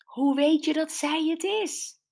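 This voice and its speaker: A woman's voice: high-pitched, slow, creaky, darkish tone, voice pushed up, heavily acted. A woman doing a caring, concerned friend.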